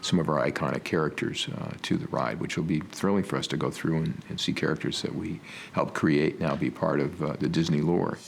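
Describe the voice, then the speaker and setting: A man's voice: extremely low pitch, fairly even intonation, a little fast, gravelly, few pauses, a little hiss or hum. A man talking as a film maker in a documentary interview.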